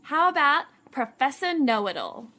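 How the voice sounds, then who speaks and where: A woman's voice: high-pitched, very animated, normal speed, sharp tone. A woman presenting a scripted story show for children, with children's music behind her.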